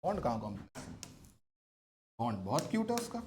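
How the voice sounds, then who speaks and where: A man's voice: medium pitch, big pitch swings, fast talker, darkish tone, a little hiss or hum. A man teaching a chemistry class, constantly asking his students questions and coaxing them to answer. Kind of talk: classroom lecture.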